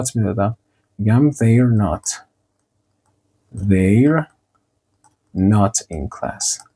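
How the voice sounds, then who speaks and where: A young man teaching an English grammar lesson with slides, drilling sentences slowly and repeating them. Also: mid-range voice, mellow. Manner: slow, deliberate model sentences, repeating drills.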